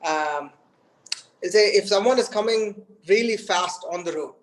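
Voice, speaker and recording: Speaking English with an Indian accent, a Tamil-native man from India joins a casual conversation as a guest game developer. He has a high voice, and there is a little hiss or hum in the recording. His speech is halting, packed with restarts and fillers.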